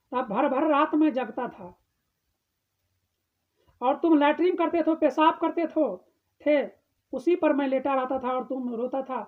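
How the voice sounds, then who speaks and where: A man voicing a hurt, stern mother who reproaches her son and keeps repeating her points in a sermon story. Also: very high voice. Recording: tinny phone-like sound.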